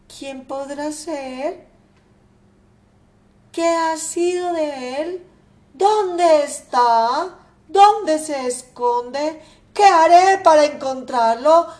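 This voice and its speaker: A woman's voice: medium pitch, darkish tone, close to an everyday voice. A woman voicing an old miserly father who rages and wails over his lost money, in shrieking, desperate outbursts.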